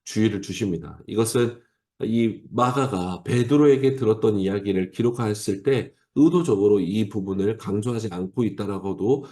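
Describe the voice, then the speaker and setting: A man's voice: on the low side, moderate pace, dark tone. A male pastor preaching an early-morning sermon, explaining a Bible passage in an earnest way and speaking directly to his listeners. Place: church or home, streamed to an online service.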